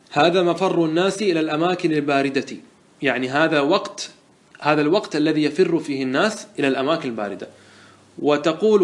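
A man teaching a grammar lesson as a scholar, explaining a classical poem line by line, saying each word form twice and asking his listeners quick questions. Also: a little high. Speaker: Islamic scholar teaching Arabic morphology.

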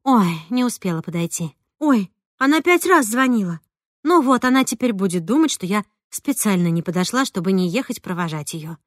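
A woman's voice: mid-range voice, expressive, moderate pace, no echo, studio quality, lightly acted. A woman reading the part of a flustered, emotional mother in an audiobook, speaking in anxious exclamations.

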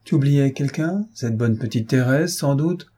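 Guy reading a caring careful dad, soft questions, mellow breathy tone. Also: medium pitch, a little slow. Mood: fond. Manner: fond, gently questioning. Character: middle-aged father, kindly, cautious.

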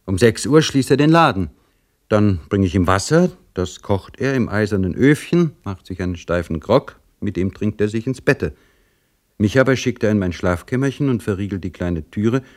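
A man's voice: lowish voice, lively intonation, moderate pace, pitched above the performer's own voice, close to an everyday voice. A man reading a story, voicing a young male serf servant who talks eagerly and earnestly.

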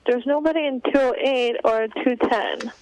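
A woman's voice: on the high side, moderate pace, crowd noise. A woman speaking as a hotel receptionist in a polite customer service voice, on a noisy phone call recording. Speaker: hotel front desk receptionist. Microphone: telephone line.

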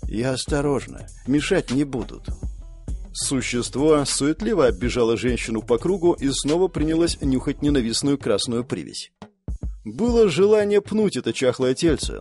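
A man narrating a fantasy audiobook in a steady storytelling manner. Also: mid-range voice.

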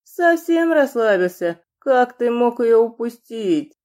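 A woman's voice: fairly high pitch, big pitch swings, slow, darkish tone, pitched above the performer's own voice. Woman playing a mocking, crude tattooed thug. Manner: mocking, leering. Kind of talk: audiobook character reading.

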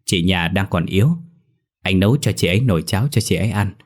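A man voicing an older exorcist master who speaks in a measured, firm and grave way in a ghost story. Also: deep voice.

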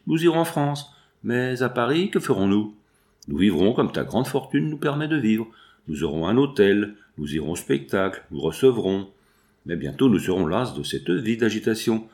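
An indulgent father in his fifties voiced by a man reading aloud. He talks gently and anxiously. The delivery is lively and expressive. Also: fairly low pitch, moderate pace. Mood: worried.

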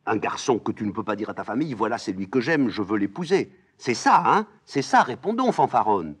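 A man reading a play aloud, voicing a fussy, scolding old nursemaid in a high raised voice. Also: very animated, fairly quick, slightly rough. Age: older. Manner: shrill, scolding, exclamatory.

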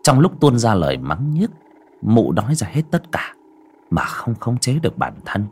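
A man narrating a horror story in a dramatic, expressive storytelling manner. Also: mid-range voice, normal speed, gravelly, husky.

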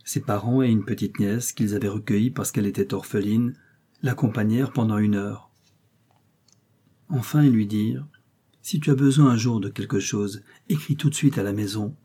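A man with a low, husky voice reads a classic short story in a measured, unhurried way. His tone is dark and mellow, and he lifts his pitch when voicing the characters' lines. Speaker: narrator. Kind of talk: audiobook reading of a short story.

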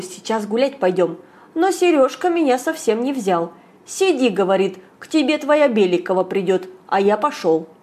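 A woman reading an audiobook aloud, narrating lively in the first person as a young girl. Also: fairly high pitch. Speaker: audiobook reader.

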